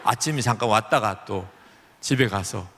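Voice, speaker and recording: A middle-aged pastor's fairly bright voice, at a moderate pace, carries through a large church hall with long reverb and a little hiss or hum. Telling a story during his sermon, he acts out the dialogue by shifting his pitch.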